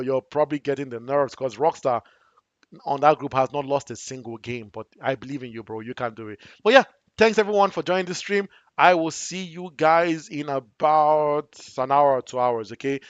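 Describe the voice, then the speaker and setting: A young man commentating a live game stream on his own, excitable and shouting at big plays, a little hoarse from talking. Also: mid-range voice, dry recording, lo-fi sound. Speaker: esports commentator and stream host.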